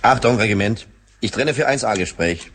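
A man playing a brisk, bossy soldier running a field switchboard in a war radio play, curt and commanding. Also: on the low side, lively intonation, very noisy. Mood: businesslike.

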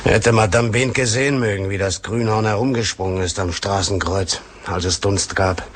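A man playing a laconic, gruff corporal at a command post in a war radio play, speaking in an offhand way. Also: lowish voice, steady tone, normal speed, lightly acted. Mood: wry, sober.

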